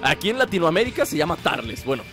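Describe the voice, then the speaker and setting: A man giving excited, joking commentary while playing a fighting game, shouting during fights. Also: on the high side, quick pace, over music. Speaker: gameplay streamer.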